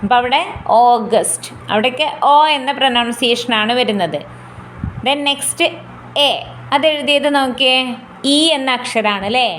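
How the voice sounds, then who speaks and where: A woman with a Malayali accent, teaching a phonetics lesson slowly and repeating example words, often checking the class understood. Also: fairly high pitch, fairly bright tone. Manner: slow and repetitive, asking "clear?" and repeating example words. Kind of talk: explaining a lesson in Malayalam with English terms. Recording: echoey room with faint background noise.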